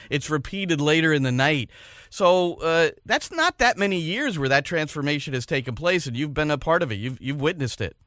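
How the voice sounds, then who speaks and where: A male radio presenter with a voice a little on the high side. He introduces and questions a guest in a conversational interview style, recorded close and dry in a studio. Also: bright, forceful tone, no room sound. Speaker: radio host.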